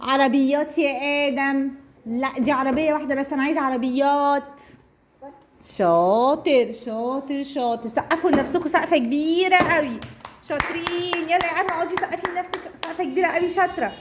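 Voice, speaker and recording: High-pitched Egyptian woman teaching children. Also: fairly even intonation. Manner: encouraging, praising children often; slow drawn-out repetition of target words. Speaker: speech therapist teaching young children. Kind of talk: interactive children's lesson. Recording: noisy room recording.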